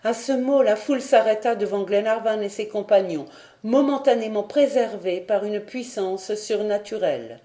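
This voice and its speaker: A woman reading a classic adventure novel aloud as an audiobook, steady and expressive. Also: medium pitch, normal speed. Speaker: audiobook reader.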